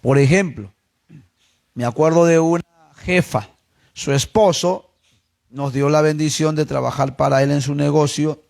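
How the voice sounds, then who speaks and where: A man preaching a sermon as pastor, telling a personal story and addressing his listeners as brothers, dropping low and then rising to emphatic repeated questions. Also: steady tone, a little slow, creaky, long pauses, a little mellow.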